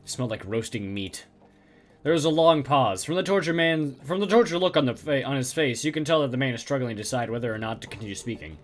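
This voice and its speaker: A man's voice: medium pitch, quick pace, hardly any pauses. A male game streamer reading on-screen game text aloud in a casual way, with stumbles and asides.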